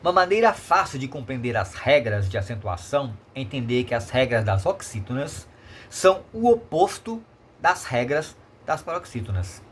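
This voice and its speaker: A man's voice: mid-range voice, big pitch swings, moderate pace, a little hiss or hum. A Brazilian man teaching Portuguese grammar in a remote lesson, explaining patiently and checking in with short tag questions.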